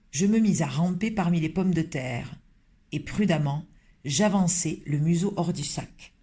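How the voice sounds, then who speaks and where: Man, high voice, audiobook narration, expressive storytelling. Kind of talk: scripted narration of a children's novel.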